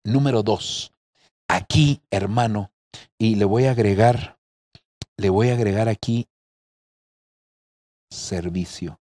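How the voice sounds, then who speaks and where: A man's voice: lowish voice, takes it slowly, long pauses, warm tone. A middle-aged man preaching a sermon from home as a pastor, earnest and addressing his listeners directly.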